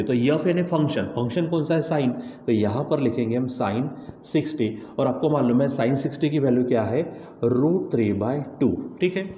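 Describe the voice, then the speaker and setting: A man explains a maths problem step by step, saying each value twice for his students. His voice is soft and mellow. The recording has a long echo and a faint hiss behind it. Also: mid-range voice. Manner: talks students through each step, repeating values aloud. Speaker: maths teacher. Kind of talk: step-by-step math lesson. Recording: echoey room with faint noise.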